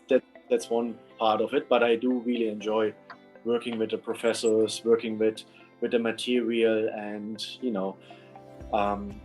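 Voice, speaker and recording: A man from Germany, an airline executive, giving a measured, halting testimonial. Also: on the low side, darkish tone, low-quality recording.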